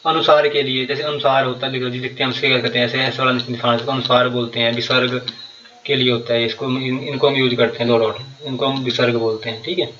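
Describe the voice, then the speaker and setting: A man's voice: mid-range voice, little pitch movement, fast talker, bright, forceful tone, reverberant, distant mic, muffled recording. A man teaching a grammar lesson for exam preparation, explaining step by step and repeating key terms with many fillers. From Himachal Pradesh, India.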